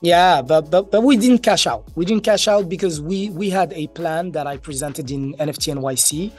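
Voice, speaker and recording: Speaking at a moderate pace in a fairly high-pitched voice, a Moroccan man from Marrakesh, a crypto entrepreneur, is interviewed as a guest. He tells stories in a casual, conversational way, acting out pieces of dialogue, while soft music plays behind him.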